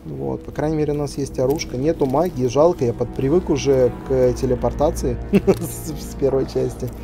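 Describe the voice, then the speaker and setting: A man's voice: mid-range voice, moderate pace, vocal fry. A man giving casual commentary as he plays a video game. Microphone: voice-over over game audio. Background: game music.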